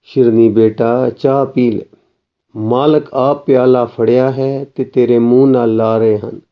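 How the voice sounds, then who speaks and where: A man reading the lines of a kind, motherly housewife who coaxes gently, as part of a story reading. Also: medium pitch, steady tone, measured pace, muffled recording, close to an everyday voice. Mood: coaxing.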